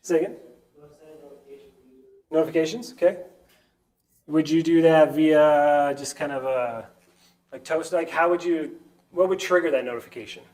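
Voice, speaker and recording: A man's voice: a little high, normal speed, pauses often, darkish tone. A man presenting at a tech meetup, his voice stuffy and nasal from a sinus cold. He talks through a whiteboard sketch in a loose, chatty way and keeps checking in with the room. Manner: chatty, keeps asking the audience "right?". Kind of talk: casual whiteboard tech talk.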